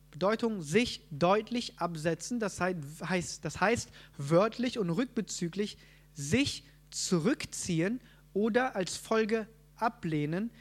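A man with a high voice preaching a sermon, teaching as he goes and putting questions to the people in front of him. He talks casually, with quick asides and rhetorical checks like "right?".

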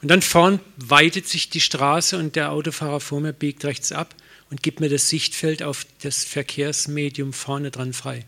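A man's voice: fairly high pitch, steady tone, moderate pace, creaky, bright, forceful tone. A middle-aged man, a pastor, preaching a sermon in a conversational way, with anecdotes and self-mocking humor.

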